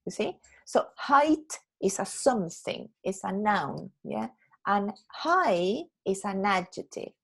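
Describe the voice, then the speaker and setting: Patient woman teacher with a gravelly voice. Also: mid-range voice, sing-song, fairly bright tone, rough recording. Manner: patient, explains slowly, checks understanding with "yeah?". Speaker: English teacher. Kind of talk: online English lesson.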